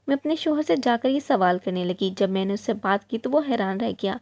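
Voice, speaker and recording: In a mid-range voice, a woman narrates a moving first-person story with a moral, her delivery earnest and steady.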